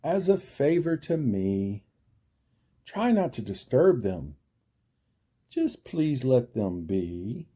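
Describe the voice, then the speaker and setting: A man's voice: mid-range voice, very animated, slow pace, long pauses, mellow, husky, full character voice. A man voicing an earnest, kind and protective elephant in a storybook, with emphatic, pleading delivery.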